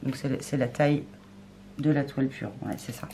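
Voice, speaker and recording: Soft-spoken woman chatting over background noise. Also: very deep voice, moderate pace, vocal fry. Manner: chatty, often murmured and soft, thinking aloud with many fillers. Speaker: crafts video host. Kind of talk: casual unboxing chat.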